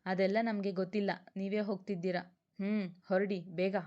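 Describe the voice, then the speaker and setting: A woman's voice: mid-range voice, level tone, fairly quick, a little mellow, lightly acted. A woman reading a brusque senior male police officer who scolds his subordinate, on a dull lo-fi recording. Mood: curt. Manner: brusque and reprimanding.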